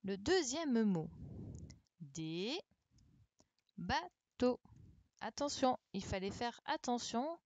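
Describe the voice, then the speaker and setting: Woman, primary teacher on a live stream, slow, deliberate delivery, spells out letters, dry close sound. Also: on the high side, sing-song, darkish tone, no room sound. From France. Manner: patient, spells words out letter by letter with frequent "hein" and "d'accord". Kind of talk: live-streamed dictation correction lesson. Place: home setup for an online class. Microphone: computer microphone for a live stream.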